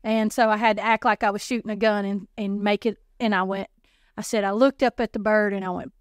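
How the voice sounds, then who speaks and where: Woman, help center director, smooth clear voice, dry close sound, playful teller. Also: mid-range voice, flat delivery, a little fast, no echo. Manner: playful, self-mocking storyteller. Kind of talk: casual chat.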